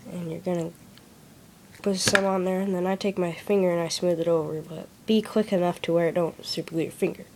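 A woman's voice: fairly low pitch, fairly even intonation, brisk, noisy background. Woman explaining a craft step by step. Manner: plain, step-by-step instructive talk. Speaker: craft demonstrator. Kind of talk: casual how-to explanation. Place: small room at a wooden desk, indoors.

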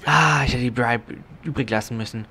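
A young man giving casual, rambling commentary as he plays a video game, talking to himself and breaking into sudden loud exclamations. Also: mid-range voice, normal speed. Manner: chatty self-talk with sudden loud exclamations. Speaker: let's play host.

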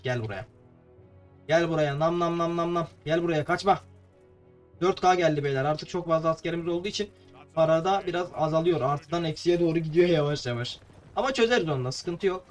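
A young man from Turkey giving playful, chatty gameplay commentary to his viewers, a little tongue-tied. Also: fairly high pitch. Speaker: gameplay streamer. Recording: faint game music behind.

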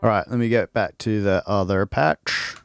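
A man's voice: fairly low pitch, moderate pace, vocal fry, music in the background. A man casually demonstrating a string sample library on a live stream, talking loosely with restarts as he works and answers questions. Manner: loose and rambling, with restarts while working.

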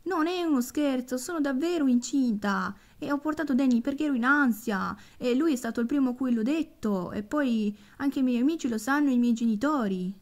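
A woman's voice: high voice, brisk, hardly any pauses, a little mellow, pitched above the performer's own voice, natural voice. Nervous pregnant girl, pleady and jumpy, as a woman puts her on. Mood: insistent. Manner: fretful, pleading. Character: anxious pregnant young woman.

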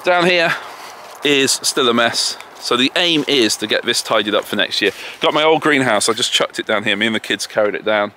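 Out in his garden and orchard, an English homesteader vlogger talks his way through a casual walking tour, joking at his own expense. His mid-range voice is expressive, fairly quick, pushed and bright, over a little hiss or hum and the sound of distant farm vehicles and tractors.

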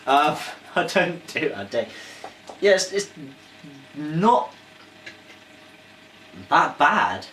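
A man's voice: fairly high pitch, sing-song, slow, pauses often, sharp tone. A man co-hosting a casual food taste-test, laid-back with dry jokes. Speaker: food review co-host. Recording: echoey room, faint noise.

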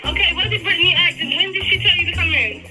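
A woman's voice: very high-pitched, quick pace, music in the background. A woman working at a restaurant, speaking firmly and plainly over a phone speaker. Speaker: fast food restaurant worker on the phone. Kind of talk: phone conversation with an employee.

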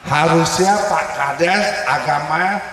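A man's voice: on the high side, slow pace, background noise. A man preaching at a village gathering, telling a moral story and quizzing the audience with questions. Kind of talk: religious talk at a village gathering. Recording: echoey hall sound from far off.

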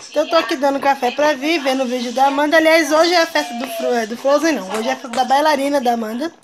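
A woman's voice: high-pitched, rapid-fire. A young woman and mother chatting casually to her viewers as she narrates her day at home. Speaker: vlogger and mother.

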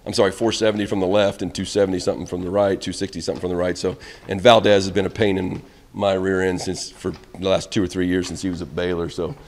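A middle-aged college baseball head coach talks fast in a deep, low voice with little pitch movement. At his postgame press conference, his answers are candid and rambling, fading off quietly at the end. The press room with its backdrop is reverberant, and reporters hold phones and handheld mics close.

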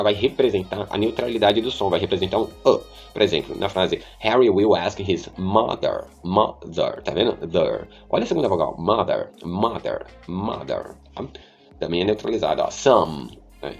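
Male teacher, lowish voice, patient and repetitive, lo-fi sound with faint music. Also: a little mellow. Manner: patient, repeats words slowly, checks in with "tá?". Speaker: English teacher. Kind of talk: pronunciation lesson.

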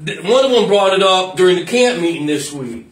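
A pastor preaches informally in church, breaking off into asides and repeating himself, his high-pitched voice expressive and brisk. The mic is distant and the room echoes.

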